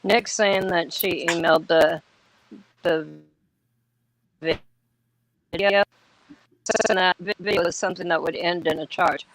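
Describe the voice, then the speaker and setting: A woman's voice: fairly low pitch, steady tone, takes it slowly, long pauses, slight background noise, rough recording. A woman in casual chat on a live stream call, her audio glitching and breaking up as she restarts mid-sentence. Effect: call connection breaking up and glitching.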